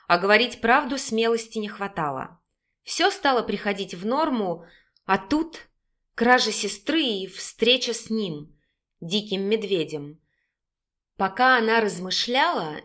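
A woman narrating an audiobook in a steady, measured storytelling manner. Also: medium pitch.

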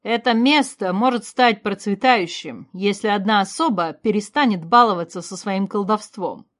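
A woman voicing a loud, scornful young man. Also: medium pitch, normal speed, natural voice. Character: hostile young man stirring up fear.

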